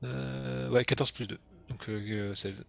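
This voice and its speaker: Guy playing an rpg, average pitch, jokes around and repeats himself, bit dull mic. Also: fairly even intonation, takes it slowly, vocal fry, a bit bright. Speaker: tabletop role-playing player. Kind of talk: casual game chat.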